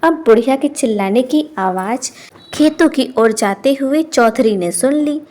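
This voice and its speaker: A woman storyteller narrating a scripted folk tale in an expressive way. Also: sits high, a little slow. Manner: lively, expressive.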